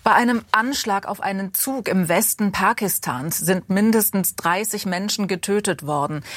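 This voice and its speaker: A woman news anchor reading a bulletin in a calm, even manner. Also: on the low side, dry recording. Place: studio.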